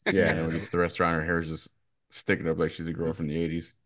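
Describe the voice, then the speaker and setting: A laid-back man tossing in easy remarks during a film chat. His voice is very deep and low, and the recording is dry, with no room sound. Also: monotone, rapid-fire, a bit bright, no room sound. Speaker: podcast co-host. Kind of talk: casual movie chat.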